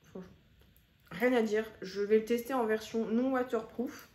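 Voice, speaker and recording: A woman's voice: on the high side, normal speed, darkish tone. A woman chatting casually through her favourite beauty products to a phone camera, repeating words for emphasis and using many fillers. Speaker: beauty vlogger. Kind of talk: casual product review chat. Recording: echoey room.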